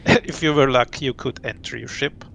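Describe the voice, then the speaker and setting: Swiss man, late thirties, relaxed guest, gravelly voice, faint rumble behind; thoughtful, laughs between points. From Switzerland. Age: late 30s. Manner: relaxed, thoughtful, laughs often, pauses to recall. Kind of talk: casual interview.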